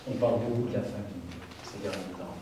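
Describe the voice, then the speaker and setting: A man's voice: lowish voice, fast talker. A man preaching a sermon as a visiting preacher, talking in a conversational way and praying solemnly. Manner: warm, conversational address, solemn in prayer. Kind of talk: sermon with prayer and storytelling. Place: church sanctuary. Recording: echoey church, far from the mic, background noise.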